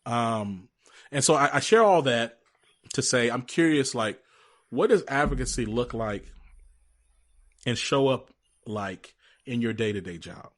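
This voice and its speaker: A man hosting a podcast interview, telling a personal story in a casual, animated, chatty way full of restarts. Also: mid-range voice, unhurried, long pauses. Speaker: podcast host.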